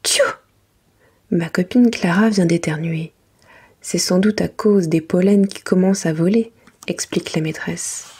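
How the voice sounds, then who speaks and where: A woman reads a children's bedtime story in a hushed, very breathy whisper. Her voice sits a little low, and she goes gently and carefully, in a soft ASMR reading style. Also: moderate pace.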